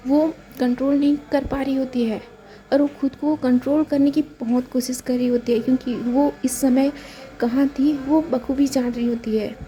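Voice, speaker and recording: A woman's voice: high voice, steady tone, moderate pace, warm tone, highs cut off. A woman with an Indian accent casually narrating a romance story, repeating fillers as she goes. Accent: Hindi-speaking Indian. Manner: repetitive, filler-laden retelling.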